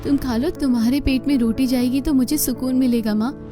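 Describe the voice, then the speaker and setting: A woman voicing a kind, hardworking poor young woman in a cartoon, earnest and gentle. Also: high-pitched, steady tone, a little fast, over music, natural voice. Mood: caring. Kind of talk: cartoon voice acting.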